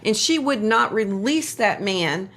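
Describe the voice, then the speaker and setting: A woman's voice: mid-range voice, animated, measured pace, fairly bright tone. An older woman co-hosting a ministry talk show, talking earnestly about faith with rambling self-corrections and strong conviction. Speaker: ministry co-host. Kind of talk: casual faith and politics talk.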